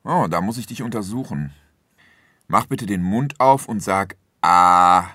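A man acts out a friendly family doctor with a low-pitched voice, recorded dry. He is soothing and a little jocular as he examines a patient. The delivery is that of a scripted language-learning dialogue. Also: lively intonation, a little slow, pushed and bright, dry recording, full character voice. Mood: attentive.

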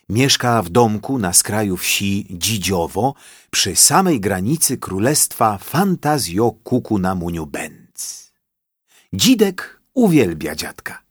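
A man reading a children's story aloud in an expressive, drawn-out way. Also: lowish voice, slightly rough, dry recording, clean studio sound.

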